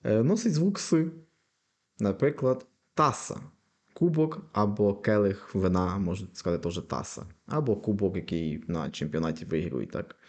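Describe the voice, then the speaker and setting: A young man teaching a language lesson, patiently explaining and slowly repeating example words. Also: lowish voice, expressive, darkish tone.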